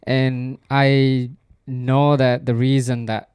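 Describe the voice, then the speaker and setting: A man with a Maldivian accent hosting a podcast interview, asking questions in an unhurried, friendly way. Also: medium pitch, flat delivery, darkish tone, clear, resonant tone, no room sound. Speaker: podcast host.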